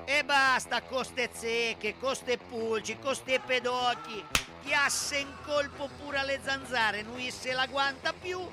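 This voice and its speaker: A man's voice: extremely high pitch, steady tone, slow. A man playing a fed-up local man pestered by fleas and ticks, grumbling in broad Ancona dialect in a radio ad sketch. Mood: exasperated. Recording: ad over loud music bed.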